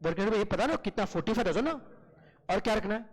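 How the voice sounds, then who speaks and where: A male accountancy teacher giving an online class, firing quick questions at his students and answering them himself, calling them "beta". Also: high-pitched, lively intonation, slightly rough, low-quality recording.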